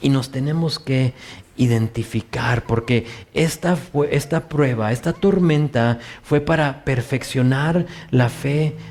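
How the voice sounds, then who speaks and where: A male pastor with a Mexican Spanish accent delivers a sermon at a very unhurried pace. His voice sits at an ordinary middle pitch, and he leans into gentle, compassionate questions. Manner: slow, deliberate preaching with soft, compassionate questions.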